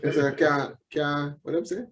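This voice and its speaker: A man's voice: fairly high pitch, fairly bright tone. Reflective Jamaican man in casual conversation. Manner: reflective, halting, repeats words. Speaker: musician guest. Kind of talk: casual interview chat.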